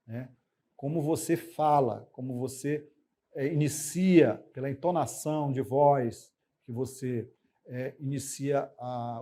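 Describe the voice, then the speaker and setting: Warm-voiced Brazilian male teacher. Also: a little high. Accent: Brazilian Portuguese. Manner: explaining slowly with many fillers and checks like "ok?". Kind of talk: recorded classroom lesson.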